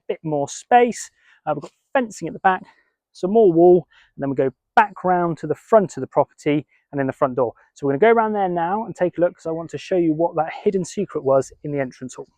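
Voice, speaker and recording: A man's voice: sits high, animated, brisk, dark tone, no echo. A man working as an estate agent, giving an upbeat, chatty walking tour of a house and garden and talking straight to the viewer. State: out of breath from the heat. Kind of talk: walking property tour to camera. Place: house and garden, indoors and outdoors.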